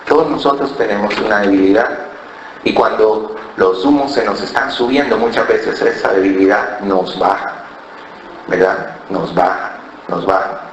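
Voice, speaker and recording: A man's voice, on the low side, preaches a sermon in church: he's a pastor with a Cali accent, born in Ecuador and brought up in Colombia, telling a personal story, mimicking voices, and often asking "¿verdad?". The sound is roomy and dull, with a little hiss or hum.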